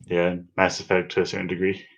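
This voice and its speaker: Through a dull lo-fi mic, this man co-hosts a relaxed video game podcast. His gravelly, low voice is completely flat and a little fast.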